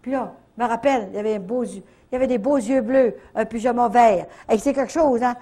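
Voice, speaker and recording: An older woman with a Canadian French accent telling a faith testimony at a retreat, in a lively storytelling manner full of little verbal tags. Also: on the high side, quick pace. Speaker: retreat speaker.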